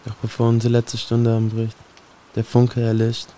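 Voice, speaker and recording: Man, spoken-word poetry, solemn, brooding, dark tone, monotone delivery. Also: mid-range voice, normal speed, a little hiss or hum. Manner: solemn, brooding, addresses a listener directly.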